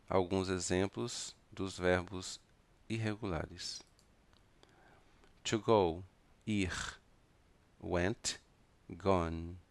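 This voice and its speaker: A man with a Brazilian Portuguese accent teaching an English grammar lesson, speaking deliberately and spelling words out letter by letter. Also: low-pitched, clean tone, no echo.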